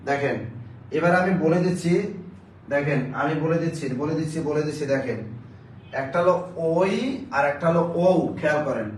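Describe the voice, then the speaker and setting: A man teaching a live online Bangla grammar class, urging viewers to answer quickly and drilling facts through repeated questions. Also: on the high side. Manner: urgent, coaxing viewers to answer fast. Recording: roomy, distant mic, faint background noise.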